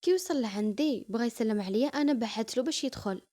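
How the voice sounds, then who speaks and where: Algerian girl telling her story, talks fast, chatty. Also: fairly high pitch, lively intonation, mellow. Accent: Algerian Arabic. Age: young adult. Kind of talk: first-person story narration.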